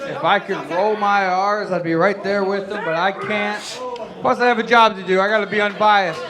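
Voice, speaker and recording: A male wrestling commentator with a very high, keyed-up voice gives excited play-by-play. He often pushes into a shout, and a crowd is clearly audible behind him. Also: normal speed. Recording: arena crowd noise behind the voice. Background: live wrestling crowd.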